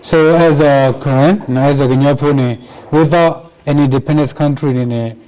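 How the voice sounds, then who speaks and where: A man interviewing a guest, asking slow, measured questions. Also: a little high, steady tone, dark tone, rough recording.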